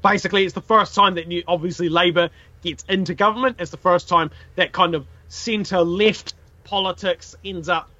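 A man's voice: high voice, steady tone, normal speed, bright, forceful tone, no room sound, highs cut off. A man with a broad New Zealand accent telling history casually as a podcast host, colloquial and sweary.

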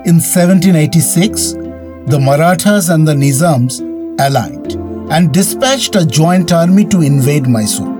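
A man's voice: on the high side, lively intonation, measured pace. Man narrating over prominent music. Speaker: podcast co-host. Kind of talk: scripted history narration. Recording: music bed under the voice. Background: background music.

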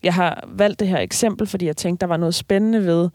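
A writer reading aloud slowly from a novel, then talking about the book with hesitant fillers. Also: medium pitch, fairly even intonation, a little mellow, dry recording, clean studio sound. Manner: slow, measured reading with hesitant fillers in discussion.

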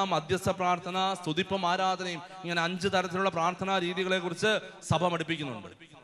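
A man's voice: sits high, pushed and bright. A male preacher giving a sermon, asking the congregation questions and calling out hallelujah between points. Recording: hall reverb.

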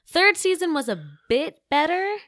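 Woman, bright voice, casual chat, laughs often, dry room. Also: extremely high pitch, expressive, normal speed, no echo.

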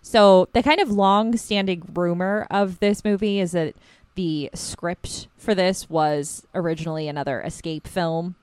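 A woman's voice: lowish voice, steady tone, a little slow, a little mellow, clear, resonant tone, no room sound. A woman co-hosting a film podcast in casual chat, chatty and laughing often as she goes off on tangents. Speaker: podcast co-host.

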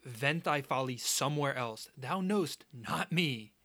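A performer playing an impatient young man, a twin, in a stage play, exasperated and quick to fight. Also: medium pitch, expressive, a bit bright. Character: bewildered hot-tempered young man, a twin.

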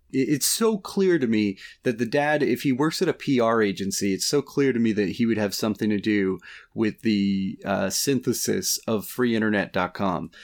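A man co-hosting a podcast in casual chat, rambling and halting as he thinks aloud. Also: fairly low pitch. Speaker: podcast co-host.

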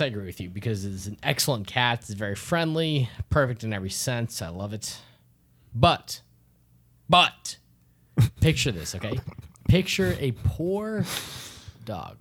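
A man co-hosting a casual podcast, teasing and playfully dramatic. His voice is middle-pitched with a slight husky edge. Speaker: podcast co-host.

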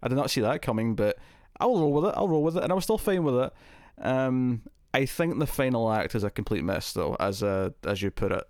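Chatty and animated, this film podcast host talks fairly quickly with few pauses, his mid-range voice a bit dark. He laughs a lot and restarts words during the casual conversation, captured cleanly in a studio with no echo.

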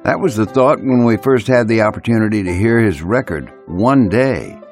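A man's voice: fairly low pitch, normal speed, faint music behind. A man announcing a show from a script like a ringmaster, grandly drawing out his greetings in a showman's delivery.

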